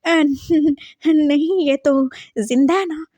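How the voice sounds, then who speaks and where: A woman's voice: high voice, extremely slow, dark tone, no echo. A woman voicing a flustered, squeamish young man who nervously dodges and jokes his way out, in a told drama story. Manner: nervous, dodging.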